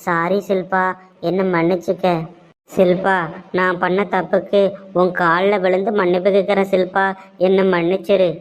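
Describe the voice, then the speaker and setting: A woman's voice: fairly low pitch, level tone, moderate pace, close to an everyday voice. A woman voicing a remorseful young man in a cartoon, pleading in a theatrical way, with a Tirunelveli Tamil accent. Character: remorseful young man, scheming, wavering son. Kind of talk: cartoon voice acting. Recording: dull lo-fi sound.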